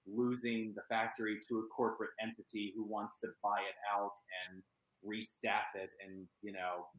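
A man's voice: fairly low pitch, level tone, moderate pace, fairly bright tone. Earnest man in an echoey room. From Pennsylvania. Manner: earnest, chatty with many ums. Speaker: actor and guest. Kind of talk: casual interview chat.

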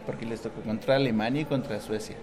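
A man's voice: medium pitch, fairly even intonation, fast talker. Joking man over background chatter. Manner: joking, playful slang. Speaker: podcast co-host. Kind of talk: casual podcast chat.

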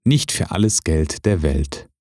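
A man voicing a calm wise old farmer. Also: very deep voice, no echo, studio quality, pitched below the performer's own voice, full character voice. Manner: calm, measured, unhurried.

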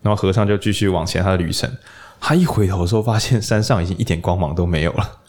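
A man's voice: low-pitched, fast. A man with a Taiwanese Mandarin accent, hosting a casual podcast and telling a story, acting out the voices in it. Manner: animated storyteller who acts out voices in the tale. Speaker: podcast host.

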